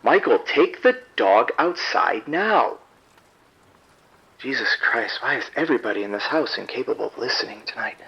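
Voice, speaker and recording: In this audio drama, a male actor plays a proud, irritated husband and father who answers the police curtly and defensively over the phone. His medium-pitched voice is animated, bright and slightly rough, with a forceful tone, a moderate pace and a heavily acted, exasperated delivery. The call comes through a dull phone line.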